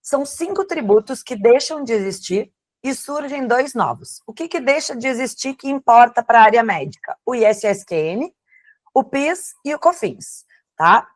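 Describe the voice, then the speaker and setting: Her expressive, rather high voice keeps a moderate pace, and the audio has no echo. Speaking as a guest expert with a southern Brazilian gaúcho accent, this Rio Grande do Sul tax lawyer and lecturer explains her topic conversationally to an online audience, often raising and answering her own questions.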